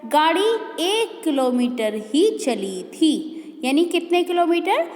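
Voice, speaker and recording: A woman's voice: very high-pitched, very animated, slow, a little mellow, faint music behind. A woman teacher giving a grammar lesson, explaining step by step and checking in with the class. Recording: echoey room with long reverb.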